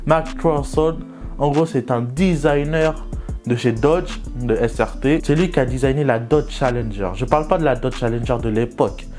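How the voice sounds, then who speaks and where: A young man vlogging casually while he draws. He talks in slang, mocks himself and jumps up into excited bursts. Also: medium pitch, normal speed, faint music behind. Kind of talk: casual joking commentary while drawing.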